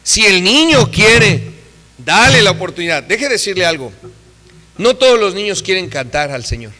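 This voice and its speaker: A man preaching a sermon in a church, emphatic and acting out the voices he quotes, swinging from loud to soft. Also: sits high, big pitch swings, moderate pace, big-room sound.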